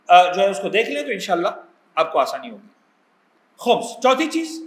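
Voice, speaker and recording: A man's voice: very high voice, a bit bright, echoey room. A man, a cleric, teaching a pilgrimage class in a conversational lecture style, mixing in English words and asking the audience questions.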